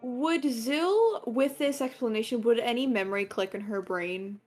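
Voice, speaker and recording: A woman's voice: a little high, moderate pace, darkish tone, soft background music. A woman playing in a tabletop game who asks curious questions. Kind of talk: casual chat at a game table.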